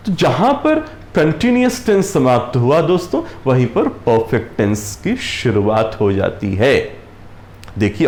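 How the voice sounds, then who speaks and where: A man teaches a grammar lesson at an unhurried pace. His voice sits a bit high and rises and falls a lot as he repeats each point. The recording has a roomy echo. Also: darkish tone. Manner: repeats points, addresses viewers as friends, reads English example sentences slowly. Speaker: English teacher. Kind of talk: classroom-style grammar lesson. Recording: echoey room.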